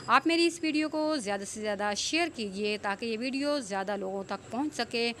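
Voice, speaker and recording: A high-pitched woman teaches recitation rules, explaining each point plainly and then drawing words out very slowly. A faint hiss of background noise sits under her voice. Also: expressive, a bit bright. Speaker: Quran tajweed teacher. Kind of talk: online tajweed lesson with slow drawn-out recitation.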